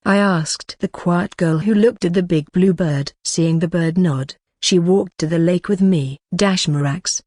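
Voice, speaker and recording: A woman narrates a fan-fiction audiobook in a steady, uninflected read that gives every character the same voice. Her voice sits low for a woman. The recording is dry and close, with no room sound. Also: no echo.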